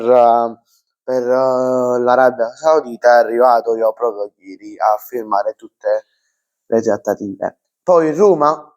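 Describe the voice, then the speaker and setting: A man's voice: mid-range voice, a little mellow, low-quality recording. A young man giving an unscripted football transfer news rundown for his channel, full of fillers and restarts. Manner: hesitant, many fillers and restarts.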